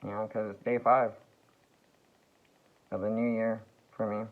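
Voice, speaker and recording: Slow, gravelly man, tinny sound. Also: on the low side, little pitch movement. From United States. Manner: slow, meandering, halting with fillers and restarts. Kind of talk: rambling vlog monologue.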